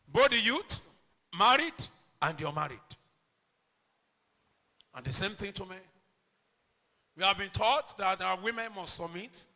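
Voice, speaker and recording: Bright-voiced preaching man, hall echo. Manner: emphatic preaching, swings from shouts to low asides. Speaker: pastor. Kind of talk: sermon.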